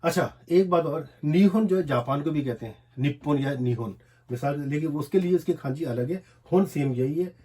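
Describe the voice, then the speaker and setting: Mellow-voiced man teaching, slow repetitions. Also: on the high side. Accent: Urdu. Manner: repetitive, drills words slowly one syllable at a time. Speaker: language teacher. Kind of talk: explaining a lesson while writing on a board.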